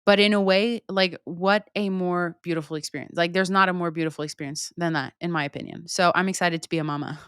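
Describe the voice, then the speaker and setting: A woman's voice: fairly low pitch, fairly even intonation, quick pace, hardly any pauses, fairly bright tone, clear, resonant tone, no echo, clean studio sound. A young woman speaking in a casual, candid monologue as a podcast host, unfiltered and swearing casually. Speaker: podcast host answering listener questions.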